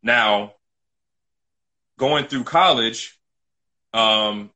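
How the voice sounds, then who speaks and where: A middle-aged man from New City, in New York City, United States, tells his own story casually as an interview guest. His mid-range voice has a sharp tone and drawn-out words, and he is emphatic, often repeating himself.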